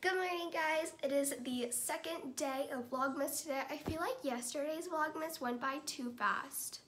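A girl of around thirteen with an American accent talks casually to her vlog in a high, fairly bright voice, speaking a little slowly and saying "like" a lot. She's indoors at home, moving between bedroom and kitchen, filmed on a camera or phone held at arm's length in a noisy handheld recording.

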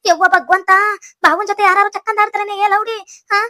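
A shrill, wailing cartoon wife, pleading and raging, as a woman puts her on. North Karnataka Kannada accent, very high and bright, dry and close-miked. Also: steady tone, brisk, no echo. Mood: furious. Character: wronged young wife, frantic and pleading.

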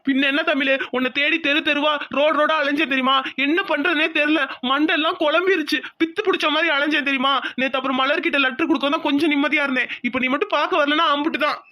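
Cartoon casting: a woman playing a devoted young village lover, high-voiced and fast, coaxing. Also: steady tone, sharp tone. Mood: pleading. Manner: coaxing and pleading, affectionate. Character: lovesick young village man, devoted and pleading. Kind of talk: cartoon voice acting.

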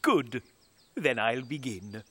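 A woman's voice: very deep voice, expressive, takes it slowly, noisy background, heavily acted. A woman voicing a kindly, cheerful male mole who reads stories and sings to children in a puppet show. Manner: warm sing-song reading, chuckling.

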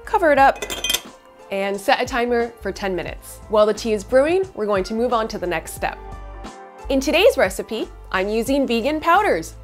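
A woman in her thirties hosting a bubble tea recipe tutorial, explaining each step in a bright, upbeat way on a studio kitchen set with a lapel mic. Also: on the high side, animated, moderate pace. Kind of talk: scripted cooking tutorial. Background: soft background music.

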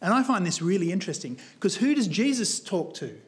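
A man's voice: high-pitched, big pitch swings, a little fast. A man preaching a sermon in a church, earnest and emphatic, telling a story with shifting pace. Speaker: guest preacher.

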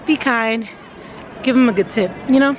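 A woman's voice: a little high, normal speed, narrow, tinny audio, a crowd in the background, noisy background. A young woman talking to a handheld camera in a casual travel vlog, chatty and upbeat, laughing often. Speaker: travel vlogger. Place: outdoors on rainy city streets and inside a hostel. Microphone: handheld camera at arm's length.

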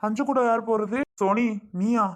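A woman voicing an elder brother who calmly reassures his father and sister. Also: fairly high pitch, moderate pace, natural voice. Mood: matter-of-fact. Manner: reassuring, matter-of-fact. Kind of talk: family skit acting.

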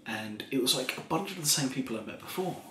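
A tipsy man in his thirties telling a rambling ASMR story in a soft voice, chuckling often and slipping into half-whispers. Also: medium pitch, animated, fast. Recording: roomy echo, faint background hiss.

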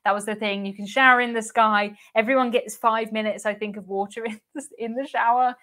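A woman's voice: on the high side, steady tone, fairly quick, pushed and bright. A young woman hosting a cruise live stream, chatting casually and reading out viewer comments, laughing often and repeating words. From United Kingdom. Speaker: cruise channel host.

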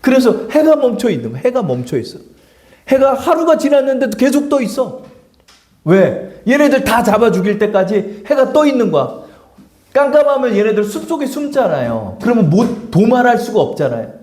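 A male pastor preaching a sermon in an animated, conversational way, full of rhetorical questions. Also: very high-pitched, normal speed, reverberant. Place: church sanctuary.

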